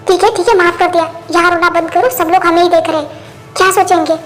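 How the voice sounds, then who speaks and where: Girl doing a firm young guy, scolding, still pretty high pitched. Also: steady tone, fast, soft background music. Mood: stern. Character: stern young man, loyal to his partner. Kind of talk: Hindi fan-dub voice acting.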